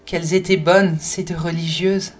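A woman's voice: lowish voice, steady tone, moderate pace, a little mellow, soft background music, close to an everyday voice. A woman voicing a spirited, passionate French woman in an audiobook, talking emphatically and with many exclamations. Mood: fervent. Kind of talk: audiobook character reading.

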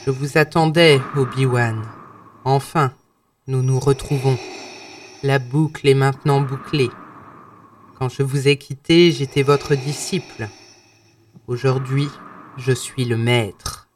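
A man voicing a cold, domineering dark lord in a storybook reading, speaking slowly in a low, measured way. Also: steady tone, recorded from a distance, slight background noise, lightly acted. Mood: menacing.

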